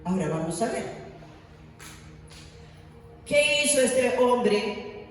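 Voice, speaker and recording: A woman's voice: fairly high pitch, lively intonation, slow. A woman delivering a sermon from a distance in a big reverberant church hall, with a faint hiss underneath. She tells stories, voices the people in them and asks the congregation questions. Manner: storytelling, acting out quoted voices, rhetorical questions. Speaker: preacher. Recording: echoey hall, voice from afar, faint noise.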